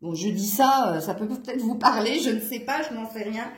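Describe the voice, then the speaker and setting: A woman's voice: on the high side, expressive, normal speed, reverberant. A woman from eastern France with a fading southern French accent, doing a casual, chatty card reading and often breaking off with laughs or to scold her cat. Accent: southern French fading toward Franche-Comté. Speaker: card reader. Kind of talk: casual tarot reading to camera.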